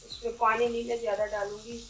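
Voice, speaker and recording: A woman's voice: on the high side, level tone, quick pace, fairly bright tone. A woman hosting a cooking channel, giving homely step-by-step recipe instructions to her viewers. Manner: homely, explains each step plainly to viewers. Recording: far from the mic with faint music.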